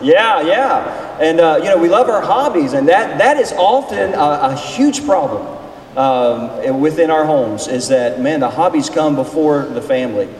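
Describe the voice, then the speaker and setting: A man in his forties with a fairly high voice, lively intonation and a measured pace gives an informal sermon as a pastor leading a seminar session. He's folksy and conversational, questioning the audience gathered in a large reverberant room. The recording is distant, echoey and noisy.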